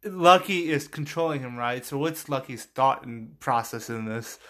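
A man's voice: mid-range voice, fairly bright tone. A man in casual chat who jumps in with short jokes and comments, laughing easily. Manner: chimes in with quick jokes and asides, laughing easily. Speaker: podcast co-host.

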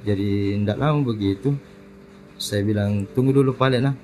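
A man, retelling a hospital possession story in casual chat, animated, acting out the quoted dialogue. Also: on the low side, moderate pace, slight background noise. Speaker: storyteller guest. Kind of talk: casual spoken ghost story.

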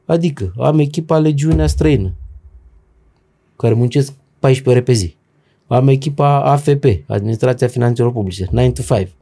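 A middle-aged man, a business owner and professor, talking as a podcast guest in a blunt, slangy, animated way, acting out old conversations as he tells them. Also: mid-range voice, vocal fry. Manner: animated storyteller, blunt slangy speech, acts out dialogue. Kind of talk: casual conversational interview.

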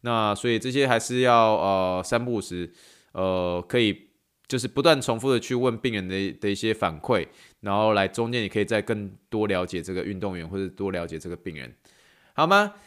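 A man's voice: fairly low pitch, brisk, a bit bright. A man hosts a casual podcast lesson late at night, and he sounds tired. He teaches in a playful way, dropping in English phrases and spelling words out letter by letter. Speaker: podcast host and athletic trainer.

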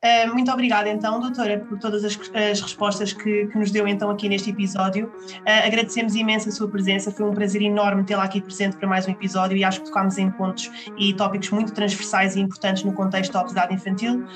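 Portuguese lady host talking fast and flat, polite thanks, music playing clearly underneath. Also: mid-range voice. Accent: European Portuguese. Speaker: podcast host.

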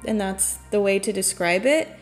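A woman co-hosts a casual podcast, speaking at a moderate pace in a mid-range voice with lively intonation. She explains and summarizes in an easygoing, conversational way, dropping the occasional swear word. Soft music plays in the background.

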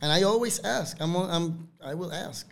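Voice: medium pitch, a little slow, gravelly, a little hiss or hum. A man with a Puerto Rican accent chatting casually as an interview guest, switching between Spanish and English mid-sentence in Spanglish. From Puerto Rico.

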